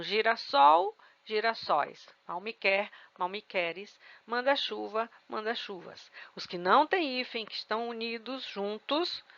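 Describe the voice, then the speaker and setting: A woman's voice: medium pitch, sharp tone, no room sound, dull audio. A woman teacher giving an exam-prep grammar lesson, explaining rules step by step and checking in with her students. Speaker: Portuguese teacher.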